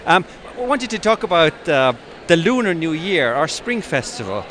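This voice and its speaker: A man with a slightly high, sing-song voice and a moderate pace hosts a casual podcast interview at a busy exhibition hall stand, a crowd audible behind him. He chats easily and asks short questions to prompt his guest.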